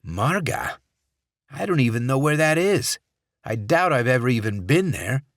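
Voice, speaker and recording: A man's voice: medium pitch, big pitch swings, unhurried, dry recording, voice pushed up. A desperate male senator held hostage, as a male narrator voices him, speaking in a raised, strained voice. He argues back defiantly and pleads, recorded dry and close.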